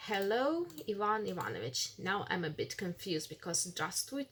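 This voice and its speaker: A woman's voice: mid-range voice, fairly bright tone, slight background noise. A woman with a Russian accent, a native Russian speaker, teaching a beginner lesson, patiently repeating phrases and explaining them step by step. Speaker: language teacher. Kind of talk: screen-recorded app walkthrough lesson.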